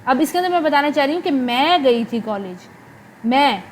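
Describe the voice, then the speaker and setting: A woman gives a recorded lecture. She explains in a mix of Hindi-Urdu and English terms and draws out her example sentences slowly. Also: high-pitched, lively intonation, slight background noise, rough recording. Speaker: English literature teacher.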